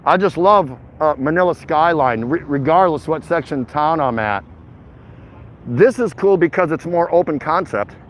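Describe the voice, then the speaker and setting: A man's voice: a little high, lively intonation, normal speed. A man hosting a casual livestream as he walks outdoors, rambling along in an easygoing, chatty, jokey way to his viewers. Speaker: vlog host livestreaming a walk. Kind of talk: casual rambling walking commentary to live chat. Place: outdoors, walking in a city bayside area. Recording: dull lo-fi outdoor mobile audio, clear traffic noise. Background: passing vehicles and urban outdoor noise.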